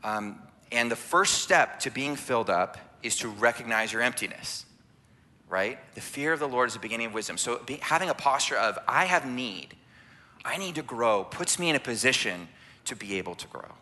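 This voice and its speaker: A man's voice: mid-range voice, lively intonation, brisk, pushed and bright. A man leading a church sermon as families ministry director, preaching conversationally and often asking "right?" to draw in listeners. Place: church sanctuary.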